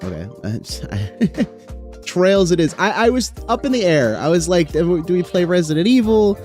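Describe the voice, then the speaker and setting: A man's voice: medium pitch, darkish tone. A young man chatting casually on a live stream, rambling with lots of fillers and casual swearing.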